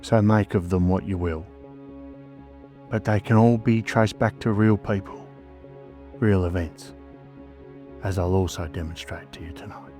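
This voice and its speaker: A man's voice: low voice, steady tone, unhurried, long pauses, dark tone, soft background music. An Australian man narrating scripted ghost stories as a storyteller host, in a suspenseful, dramatic manner with short phrases.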